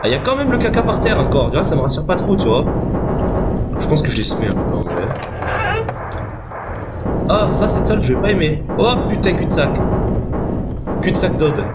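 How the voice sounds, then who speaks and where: A man's voice: a little high, sing-song, brisk, long pauses. A man giving casual, joking let's play commentary on a horror game, slangy and full of swearing, with a self-deprecating streak. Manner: crude, slangy, swears often. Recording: loud game music behind the voice. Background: horror game music.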